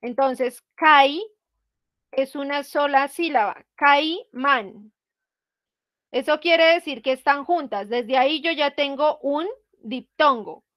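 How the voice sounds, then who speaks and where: A woman's voice: high-pitched, slow, a bit bright, dry recording, studio quality. A woman teacher explaining a lesson patiently to students, often asking them questions. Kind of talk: online class explanation.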